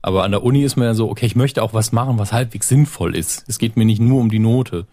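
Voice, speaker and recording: A young man in casual conversation, relaxed and reflective, with dry remarks. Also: on the low side, fast talker, no room sound. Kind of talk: casual chat.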